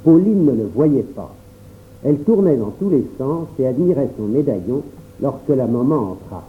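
Calm male storyteller, tinny audio. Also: medium pitch. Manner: calm, measured first-person storytelling. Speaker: narrator. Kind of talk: storybook narration. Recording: tinny phone-like audio with faint hum.

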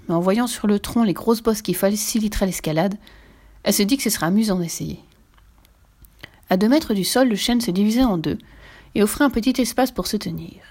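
A woman reading a children's story aloud with gentle, expressive narration. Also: mid-range voice.

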